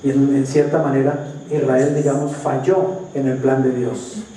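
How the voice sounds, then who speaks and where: A man's voice: medium pitch, level tone, normal speed, mellow, slight background noise. A male pastor preaching a sermon, emphatic and stretching out key phrases. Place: church hall. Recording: echoey church hall from far off.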